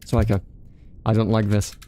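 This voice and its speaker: A small, insecure young prisoner, nervous and clipped in her worry, read by a man in his own low voice. The sound is dark and mellow, with faint game music behind. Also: monotone, moderate pace, slight background noise, lightly acted. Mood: anxious. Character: tiny, sheepish, anxious young woman prisoner.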